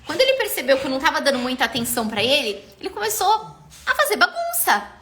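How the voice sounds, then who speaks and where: Lively bright-voiced Brazilian woman educator. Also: high voice, quick pace, slight background noise. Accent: Brazilian Portuguese. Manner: animated, acts out parent and child lines. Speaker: parenting educator hosting a live stream. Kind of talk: casual live-stream talk on parenting.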